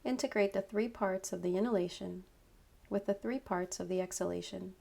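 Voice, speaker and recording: With vocal fry in her mid-range voice, a woman gives yoga nidra meditation guidance. Her instructions come in short, calm phrases, unhurried and broken by pauses.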